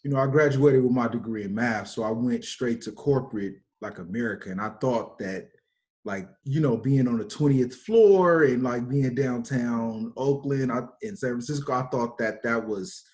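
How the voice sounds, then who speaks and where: A man's voice: medium pitch, normal speed. Male teacher, mid voice, loose conversational storytelling over video call. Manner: relaxed, many fillers like "like" and "you know". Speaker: teacher, panelist.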